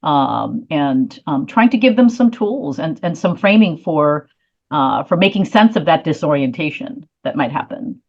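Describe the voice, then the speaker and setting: A woman's voice: low-pitched, sing-song, measured pace, dull audio. A woman from South Korea answering interview questions thoughtfully, with frequent fillers and restarts. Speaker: guest, leadership consultant.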